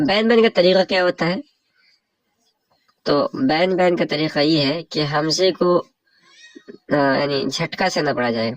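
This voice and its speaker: A man's voice: a little high, no room sound, rough recording. A man with a Pakistani Urdu accent teaching Arabic morphology in a religious lecture, explaining each rule step by step and glossing a set text.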